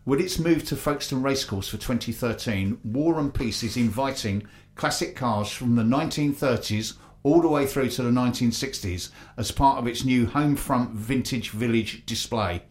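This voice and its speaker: A man's voice: mid-range voice, normal speed. English man presenting local radio. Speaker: radio show host. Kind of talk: live local radio presenting, reading announcements.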